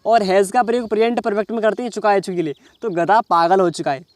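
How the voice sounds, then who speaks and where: A man's voice: high voice, fairly even intonation, no room sound. A man teaching an English reading lesson, explaining each English word in Hindi and often checking whether the listener understands. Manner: reads English words slowly, then explains each in Hindi; keeps checking the listener with "समझ रहे हो".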